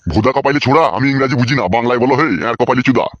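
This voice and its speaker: A man's voice: medium pitch, fairly even intonation, rapid-fire, no echo, muffled recording, lightly acted. A man playing a coarse older village uncle in a comic skit, who scolds and swears. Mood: gruff.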